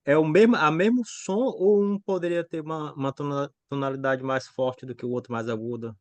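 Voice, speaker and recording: A man's voice: a little high, a little fast, no echo. A Brazilian man asking a question in an online class, his voice dry and close with no room sound. He hesitates and restarts as he looks for the right words. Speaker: student.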